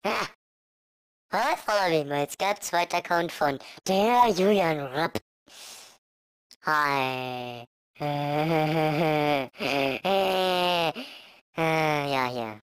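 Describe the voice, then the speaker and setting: A man's voice: on the high side, drawn-out words, a bit bright, clear, resonant tone, no echo. A man talking through a voice-morphing headset filter, rambling giggly and silly to himself in let's play chat. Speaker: gamer.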